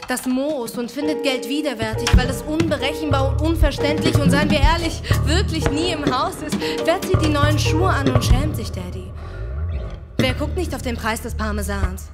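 Woman spoken word poet from Iran, high voice, rhythmic delivery over loud music. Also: moderate pace. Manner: rhythmic, repeated rhetorical questions.

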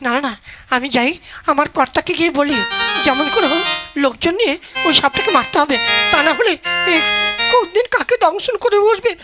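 A woman voicing a frightened village wife in a folk puppet show, excited and repetitive. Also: extremely high pitch, brisk. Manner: excited, repeats herself. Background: loud folk music.

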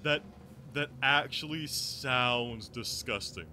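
A man's voice: mid-range voice, slow pace, sharp tone, slight background noise. Guy streaming a game, takes his time, jokey and dramatic, music in the back. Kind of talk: playful live gameplay commentary.

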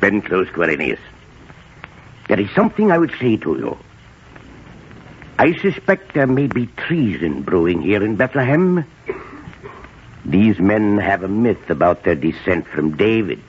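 A man's voice: on the low side, very animated, unhurried, pauses often, slight background noise. An actor playing a paranoid, cruel, scheming king in a theatrical, confiding manner of 1940s radio drama. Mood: conspiratorial. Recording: muffled 1940s radio broadcast recording.

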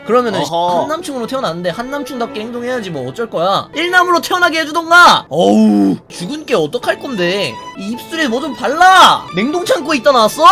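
Lively, foul-mouthed male game streamer. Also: high voice. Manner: crude, profane banter, teasing and mock-indignant; answers viewer comments aloud. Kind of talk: casual gaming stream commentary.

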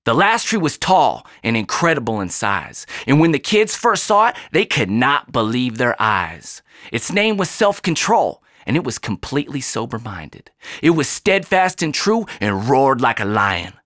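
A man in his thirties reciting a rhymed spoken word poem, his voice rising and falling with animated swings in pitch. The sound is close and dry from a studio microphone in a small home studio. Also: unhurried, no echo. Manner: rhythmic, expressive rise and fall, emphatic line endings. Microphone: studio condenser mic on stand.

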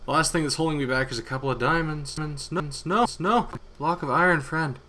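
A man giving casual, excitable commentary over his own gameplay, yawning and talking to himself. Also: a little high, fast talker, background noise. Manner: chatty and excitable, talks to himself, hums along. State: sleepy, yawning. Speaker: gaming YouTuber.

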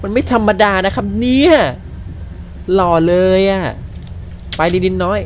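This gamer speaks a little slowly in a high voice, with slight background noise, yelling and swearing at events in the game as he records let's play commentary.

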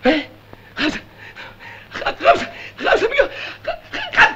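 Excitable Egyptian salesman, swooping voice. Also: a little high, rapid-fire, exaggerated voice. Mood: flustered stammering. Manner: stammers when flustered, jokey and boastful. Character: bumbling, boastful, excitable male insurance salesman. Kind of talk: 1970s Egyptian film comedy acting. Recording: dull, noisy old film soundtrack.

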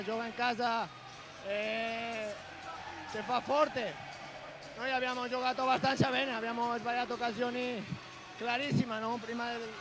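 Very high, even-pitched male athlete interview. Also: background noise. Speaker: athlete interviewed after a match. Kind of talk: post-match interview. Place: large indoor sports hall. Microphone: handheld interview microphone.

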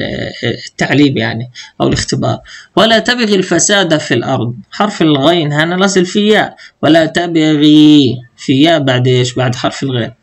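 Brief: young adult man, a bit high-voiced, teaching recitation rules and drawling the examples. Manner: explains in colloquial speech, slowly chants quoted verses. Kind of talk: tajweed lesson explanation.

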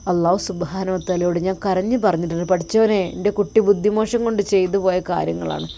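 A tender elderly mother soothes her son in a soft, slightly lowered voice, as a woman reads her. She, and faint crickets chirp behind her. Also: fairly even intonation, fast, vocal fry, a little hiss or hum. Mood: soothing.

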